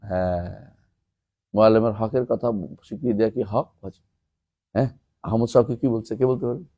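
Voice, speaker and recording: A man, teaching a classroom lesson, asking his students questions and reciting Arabic verses slowly. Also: on the low side, warm tone, muffled recording. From Bangladesh. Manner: asks students questions and explains term by term. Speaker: teacher of an Islamic text class.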